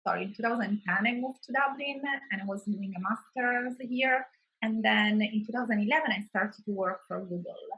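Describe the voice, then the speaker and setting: A thirties-aged Italian woman with an Italian accent speaks in a medium, slightly bright voice on a low-quality recording. She's a wellbeing consultant appearing as an interview guest, answering thoughtfully in a conversational way and restarting her sentences often.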